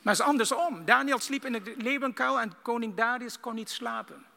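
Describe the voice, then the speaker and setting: Fervent preacher with a gravelly voice. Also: male voice, extremely high pitch, a little fast, in a large hall. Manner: fervent, swinging from loud bursts to hushed lines. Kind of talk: sermon.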